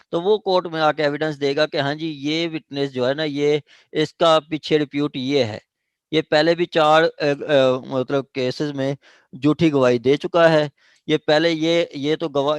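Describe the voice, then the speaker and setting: Speaking over an online class call, a man with a Pakistani accent delivers a law lecture, explaining haltingly, repeating himself and slipping into English legal terms. His voice is smooth, on the high side, with no echo.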